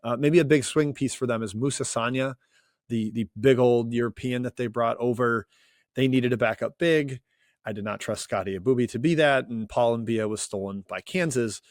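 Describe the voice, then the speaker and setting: A man co-hosting a sports podcast, giving relaxed, measured analysis with hedging fillers. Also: medium pitch, no echo, clean studio sound. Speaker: co-host. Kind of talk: casual sports podcast chat.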